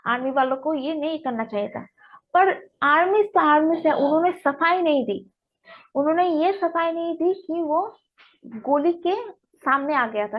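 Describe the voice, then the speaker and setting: A young woman hosting a casual news explainer, checking in with listeners often as she explains. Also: high-pitched. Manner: chatty, frequent "theek hai" check-ins. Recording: dull lo-fi recording.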